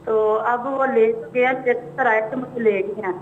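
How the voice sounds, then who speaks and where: A woman caller speaking haltingly and plaintively over a phone line that keeps breaking up and cutting out. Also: fairly high pitch, fairly even intonation, slight background noise. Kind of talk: phone call to an advice show.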